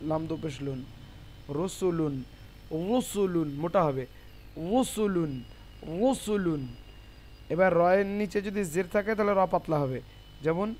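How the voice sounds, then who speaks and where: A man with a fairly high voice teaches Quran recitation in a classroom. He spells out letters and vowel marks, then stretches each word out loudly and slowly. He keeps stopping to quiz his class. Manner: asks questions to the class. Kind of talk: classroom lesson. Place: classroom with a board.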